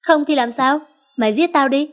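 A woman's voice: high voice, moderate pace, close to an everyday voice. A woman voicing a ruthless older female gang boss who taunts her captive at gunpoint. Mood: taunting. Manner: taunting, contemptuous.

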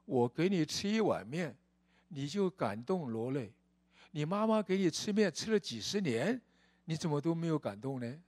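A man voicing a kind old woman who sells noodles in a retold story, speaking gently and coaxingly. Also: low-pitched, big pitch swings, normal speed. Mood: kindly.

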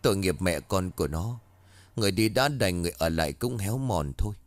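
Rueful superstitious old villager, voiced by a man, low voice. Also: lively intonation, a little fast, dry recording.

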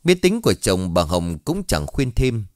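A man narrating a ghost story in an expressive, dramatic storytelling manner. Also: on the low side, a little slow, no echo. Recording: dry voice over faint music.

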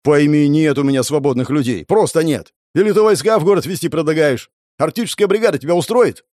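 A man reading a story, voicing a calm, evasive middle-aged male official who speaks in a measured, placating way. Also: on the high side, no room sound, studio quality, voice pushed up, natural voice.

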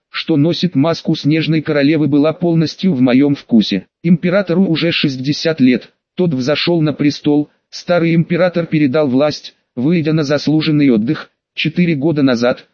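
A man's voice: fairly high pitch, no echo. A man narrating a first-person audiobook in a casual, slangy storytelling manner. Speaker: audiobook reader. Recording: dry, slightly dull recording.

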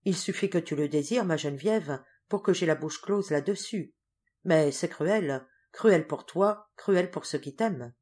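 A woman's voice: on the low side, unhurried, a little mellow. Woman voicing a fervent devoted young man. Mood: grave. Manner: fervent, emphatic declarations. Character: earnest devoted young man, deeply moved.

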